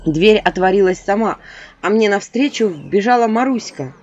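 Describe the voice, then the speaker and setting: A woman narrating an audiobook in a lively, expressive storytelling manner. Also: medium pitch, normal speed. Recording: dull lo-fi audio with faint music.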